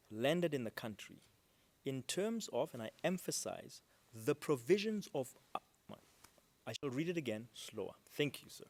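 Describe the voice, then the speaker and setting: A man speaking as counsel for a state at an international court hearing, giving a formal legal argument in a measured way with frequent ums, recorded on a desk microphone in a courtroom. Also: medium pitch. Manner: measured, with frequent ums and stresses on key words.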